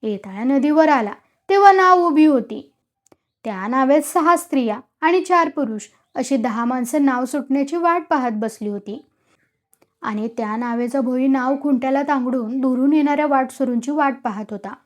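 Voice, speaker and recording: High-voiced woman storyteller reading dramatically. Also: lively intonation, normal speed. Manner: dramatic, vivid narration.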